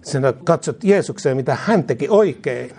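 A man's voice: on the high side, lively intonation, darkish tone, slightly rough. A male preacher giving an earnest sermon and leading prayer line by line for the congregation to repeat. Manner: earnest, leads prayer phrase by phrase. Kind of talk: sermon with call-and-response prayer.

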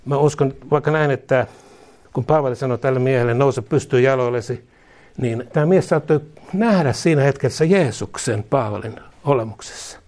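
A man's voice: medium pitch, darkish tone. A middle-aged man preaching a fervent sermon, repeating phrases for emphasis and chuckling at his own asides.

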